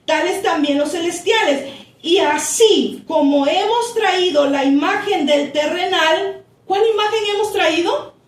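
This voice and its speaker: Slow, high-voiced woman preaching in an echoey church. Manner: slow, deliberate reading that stretches key words, with asides to the congregation. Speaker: pastor. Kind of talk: sermon, reading and explaining scripture. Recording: echoey church room, voice from a distance.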